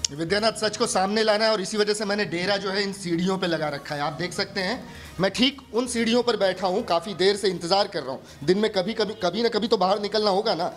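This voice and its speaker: A male field reporter speaks on location, raising his voice to call through a closed door. His pitch sits high, and the delivery is direct. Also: fast talker, soft background music. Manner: calls out loudly toward a closed door.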